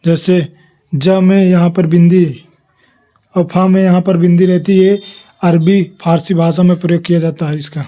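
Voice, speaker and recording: A man's voice: high-pitched, level tone, a little slow, mellow. A man giving an exam revision lesson, reading his notes aloud and listing letters one by one. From India. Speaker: teacher.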